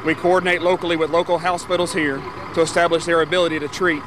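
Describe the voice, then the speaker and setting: A man's voice: fairly high pitch, flat delivery, fast. A man answering in an interview as an emergency services representative. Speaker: ambulance company representative. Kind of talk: interview soundbite. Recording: outdoor truck and traffic noise.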